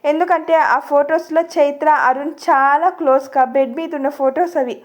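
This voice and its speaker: A woman storyteller narrating a family drama story in a lively, dramatic way. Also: high voice, a little fast, lo-fi sound.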